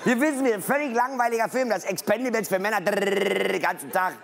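A man performing stand-up comedy on stage, telling a story with animated delivery and vocal sound effects. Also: high voice, fairly quick, vocal fry, a little hiss or hum.

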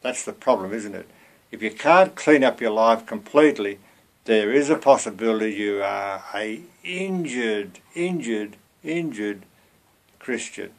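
An elderly man in his seventies with a fairly low voice preaches as a layman, earnest and conversational, as though giving an informal sermon from a small room at home. He speaks a little slowly and puts rhetorical questions to the listener.

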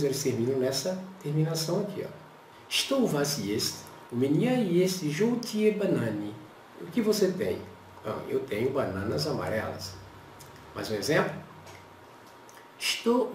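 A man teaching a language lesson, patiently repeating words slowly and often checking in with the class. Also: medium pitch, darkish tone, recorded from a distance, slight background noise. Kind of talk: classroom-style lesson with a board. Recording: echoey room, voice off-mic.

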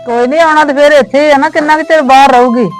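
A woman's voice: sits high, steady tone, fast talker, soft background music, close to an everyday voice, rough recording. A woman with a Punjabi accent playing a worried mother who complains and scolds in a family drama. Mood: upset. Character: worried mother defending her son.

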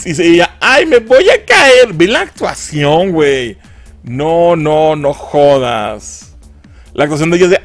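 A man with a Mexican accent giving a casual, profane film review. He mocks the movie and laughs often. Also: on the high side.

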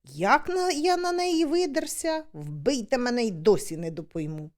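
A woman reading a humorous story aloud as an audiobook, with lively, expressive storytelling. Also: fairly high pitch, normal speed. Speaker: audiobook reader.

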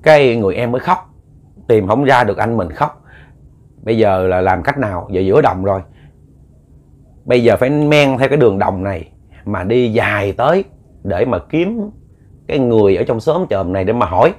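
A man's voice: on the low side, lively intonation, normal speed, pauses often, a little mellow. A man with a Southern Vietnamese accent narrating a ghost story in a folksy, rambling way, often repeating words as he goes.

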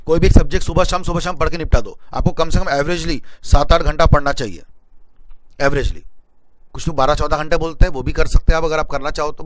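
A man's voice: on the high side, rough recording. A young man giving an exam-planning lecture as a coaching teacher, switching between Hindi and English and repeatedly checking in with his listeners. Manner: mixes Hindi and English, addresses viewers as sir, repeats "ठीक है ना?".

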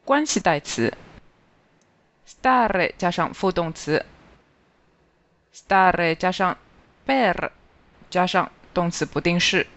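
Teacher voice for a scripted grammar review, mid pitch, slightly muffled lo-fi sound, measured and careful. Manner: slow, even, careful reading of word lists. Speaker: language teacher. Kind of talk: scripted grammar lesson narration.

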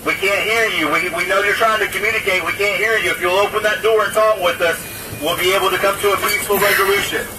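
A police lieutenant, a man, negotiating with a suspect through a loudspeaker, repeating firm commands and calmly pleading. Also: high voice, quick pace. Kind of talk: live police standoff negotiation. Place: outdoors at a roadside scene. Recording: distant loudspeaker voice over roadside noise.

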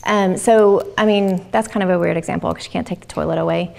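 A woman's voice: fairly low pitch, steady tone, brisk, creaky, darkish tone. A middle-aged woman, a child development specialist giving a chatty parenting workshop to a live group. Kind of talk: informal workshop talk. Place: room with a live audience.

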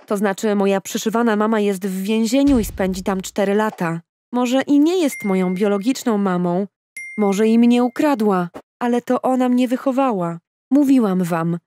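A woman's voice: medium pitch, warm tone, a little hiss or hum. A young adult woman narrating a scripted first-person story in an earnest, confessional tone.

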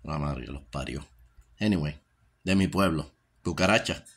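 A man's voice: a bass voice, normal speed, breathy edge. A Puerto Rican man giving a rambling, profane personal testimony, cursing freely and trailing off into mutters. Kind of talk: casual spoken testimony.

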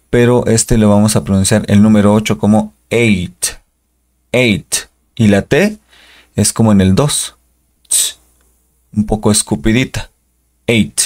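A man's voice: lowish voice, warm tone. A Spanish-speaking man giving an English pronunciation lesson, patiently repeating each model word. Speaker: English teacher.

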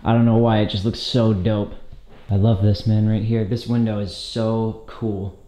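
An urban explorer vlogger, a young man, walks through the big rooms of an empty abandoned house, talking to viewers excitedly and in slang as he goes. Filmed on a handheld action camera in echoey spaces, he speaks at normal speed in a voice on the low side.

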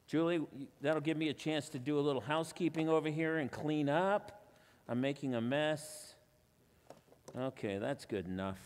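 A man with a slightly high voice does stage illusions alongside a volunteer for a live church audience, and the sound fills a big room. His patter is chatty and self-deprecating, full of playful asides, typical of a live magic show.

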